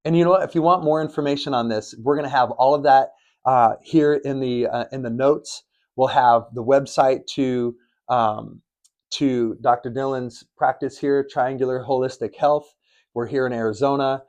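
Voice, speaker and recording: A man's voice: mid-range voice, fairly even intonation, moderate pace, darkish tone. A middle-aged man co-hosting a faith podcast, telling stories in an earnest, preachy way. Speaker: podcast co-host. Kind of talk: faith-based podcast chat. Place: studio in Arizona.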